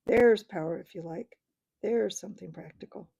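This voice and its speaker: A woman's voice: medium pitch, normal speed, vocal fry, breathy edge, lo-fi sound. Woman as a bitter, snapping dwarf man. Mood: scornful. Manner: bitter, snapping, rising to shouts. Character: angry defiant male dwarf.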